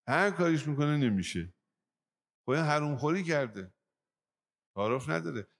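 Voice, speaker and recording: Guy giving a sermon, gravelly voice, gets loud and high when he hits a point, tells little stories. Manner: emphatic, voice rising on key points; tells moral stories to the listeners. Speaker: preacher. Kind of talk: religious sermon.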